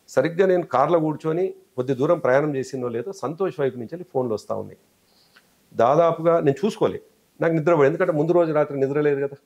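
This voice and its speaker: A man's voice: mid-range voice, vocal fry, darkish tone, muffled recording. A man with a Telangana Telugu accent, an interview guest telling a long story and acting out quoted speech.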